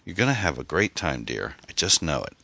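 A man voicing a gentle, supportive middle-aged woman who coaxes and reassures her anxious friend. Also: rumbling low, big pitch swings, brisk, creaky, husky, dry recording, exaggerated voice. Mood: coaxing. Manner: coaxing, reassuring.

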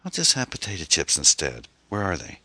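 A man's voice: deep voice, huge pitch swings, fairly quick, vocal fry, sharp tone, husky, no room sound, voice pushed up, heavily acted. A man putting on a sulky teenage girl. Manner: whiny, sullen.

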